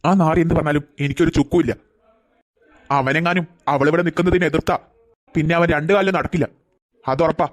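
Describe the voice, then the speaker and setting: Man doing a fiery, fast-talking cartoon grandfather. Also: a little high, steady tone, no room sound, close to an everyday voice. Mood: earnest. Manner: firm, emotional. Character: protective grandfather, fiery yet loving. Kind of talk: cartoon voice acting.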